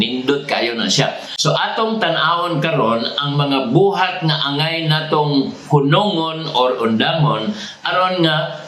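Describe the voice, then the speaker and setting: A man with a Cebuano accent preaching a sermon as pastor, repeating each point deliberately and prompting the congregation to say phrases back. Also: medium pitch, fairly bright tone, roomy sound, low-quality recording. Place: church sanctuary.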